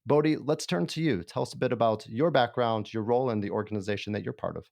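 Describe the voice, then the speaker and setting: A man hosting and moderating a panel, handing off to guests with brisk, polite remarks. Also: mid-range voice, creaky, darkish tone. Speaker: host.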